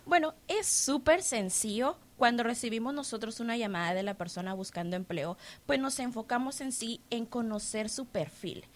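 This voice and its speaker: A woman's voice: fairly high pitch, animated, moderate pace, hardly any pauses. A woman from Guatemala, a staffing agency representative, explaining her work as a guest on a radio show in an upbeat way.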